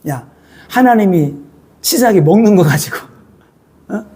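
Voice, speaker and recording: A preacher voicing Satan as a tempter who speaks softly and keeps urging someone to give in. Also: medium pitch, expressive, a little slow, slightly rough. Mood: coaxing. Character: coaxing tempter Satan speaking through the serpent.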